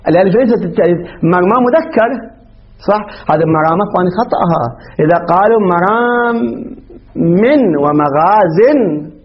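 Brisk high-voiced male teacher, lo-fi. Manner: quizzing, poses questions and answers them himself. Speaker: grammar teacher. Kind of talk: classroom lecture. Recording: dull lo-fi recording.

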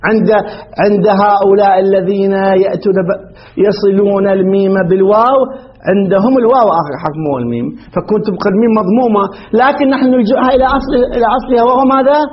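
A man teaching a class on Quranic pause rules. He questions his students and answers himself, breaking off and restarting often. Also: sits high, highs cut off, a little hiss or hum.

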